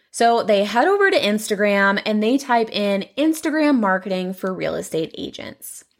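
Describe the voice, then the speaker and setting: A young woman hosting her own podcast, chatting in a casual, upbeat way with lots of "you know" fillers. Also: on the high side. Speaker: podcast host.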